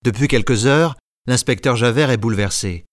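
A man narrating a classic story in a measured reading, giving short lines to the characters. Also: medium pitch, no room sound, clean studio sound. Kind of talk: scripted narration.

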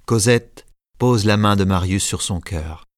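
A man narrates a simplified classic novel in a measured, clear storytelling manner. His voice sits low, and the recording is dry and close, with no room sound. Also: dry recording.

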